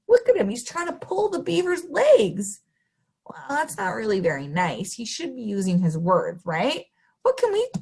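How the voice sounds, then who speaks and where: A woman with a high, slightly breathy voice hosts story time, reading a picture book aloud to young children. Her delivery is exaggerated, sing-song and interactive.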